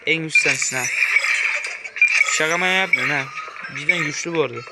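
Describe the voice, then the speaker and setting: Excitable young man over loud game music. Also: a little high, brisk. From Turkey. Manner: excitable, joking, swears and yelps at the game. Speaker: gaming YouTuber. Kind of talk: casual horror game commentary.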